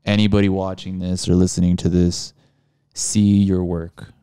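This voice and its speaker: A man with a low, mellow voice hosts a relaxed podcast chat, cursing casually and peppering his questions with dude. His voice comes across smooth and close, with a dry, dead sound. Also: moderate pace, dry recording. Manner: laid-back, swears freely, says dude a lot. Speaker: podcast host.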